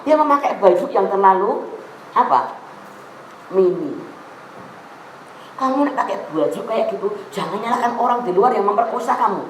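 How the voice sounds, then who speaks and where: Woman pastor, Javanese accent, lively sermon, roomy echo with faint background hum. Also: medium pitch. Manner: lively, mixing in local Javanese phrases. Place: church hall. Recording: echoey room with faint ambience.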